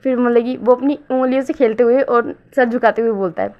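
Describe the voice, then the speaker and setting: High-voiced woman telling a story. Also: steady tone. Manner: halting, fills pauses with hmm. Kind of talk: casual story reading. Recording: dull lo-fi recording.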